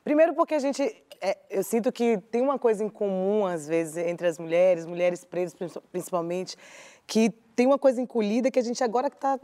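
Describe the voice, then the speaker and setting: A woman's voice: medium pitch, a little fast, dark tone. A woman with a Brazilian Portuguese accent, a talk show co-host speaking in an earnest, reflective way. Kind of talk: casual talk show chat.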